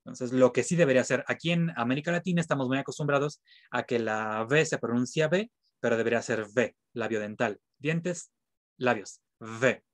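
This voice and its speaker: A man teaching an online class as a French teacher, patiently spelling out sounds slowly and repeating them. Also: medium pitch, no room sound.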